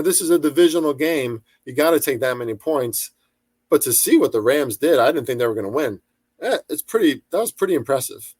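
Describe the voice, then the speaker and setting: A man's voice: fairly high pitch, darkish tone, no room sound, studio quality. A young man giving loose, profane sports betting commentary, full of fillers, restarts and chatty asides.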